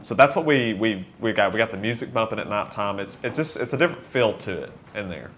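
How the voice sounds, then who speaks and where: A man, a shop owner, talking about his business in a relaxed, plain-spoken way. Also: on the low side, fast, slight background noise. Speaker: cookie dough shop owner. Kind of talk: casual interview.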